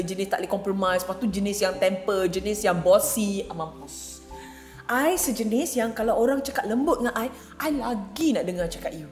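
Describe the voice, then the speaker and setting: A woman from Kelantan, Malaysia, chatting casually in a storytelling vlog, soft-spoken and slipping English phrases into her talk. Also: mid-range voice. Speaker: vlogger. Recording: roomy echo with faint music. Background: faint background music.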